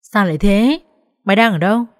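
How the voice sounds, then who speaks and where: A woman voicing a brash, foul-mouthed young female friend who scolds loudly and swears, in an audiobook. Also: medium pitch, fairly quick, no echo, clean studio sound, natural voice. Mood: angry, scolding. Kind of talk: audiobook character voice.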